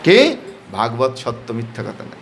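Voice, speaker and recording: A man's voice: mid-range voice, wildly swooping pitch, measured pace, slight background noise. A man giving a devotional sermon with a Bengali accent, asking rhetorical questions and answering them himself with emphatic "yes", at times leading the crowd in chanting. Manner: leads crowd in call-and-response chanting. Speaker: preacher.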